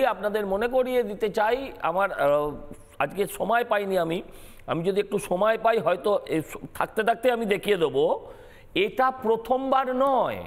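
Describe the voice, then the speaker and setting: A man's voice: sits high, big-room sound. A man, a councillor making emphatic, accusatory points in a heated TV news debate. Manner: emphatic, accusatory, repeats himself. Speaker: councillor guest.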